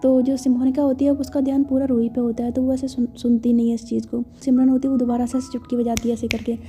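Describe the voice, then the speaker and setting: Fast high-voiced woman storyteller. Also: flat delivery, warm tone, a little hiss or hum. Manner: chatty, explains each gesture. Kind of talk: narrated love story in casual retelling.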